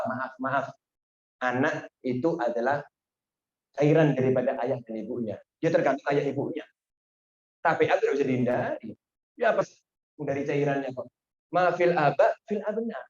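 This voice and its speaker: Man preaching in a roomy, dull recording. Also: fairly quick. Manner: animated, acts out dialogue with sudden high exclamations. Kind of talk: sermon storytelling.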